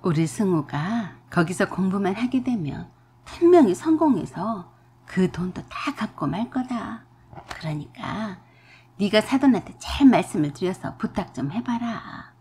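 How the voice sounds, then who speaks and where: A woman's voice: medium pitch, sing-song, a little slow, breathy edge. A woman doing a domineering greedy mother-in-law. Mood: wheedling. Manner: domineering, scolding, shouting. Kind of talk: radio drama reading.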